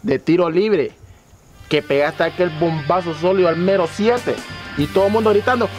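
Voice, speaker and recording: A man plays an excitable Honduran football fan reliving old goals, who breaks into commentator-style goal calls. His voice is high, and music plays clearly beneath him. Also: normal speed, natural voice. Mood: coaxing. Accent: Honduran Spanish.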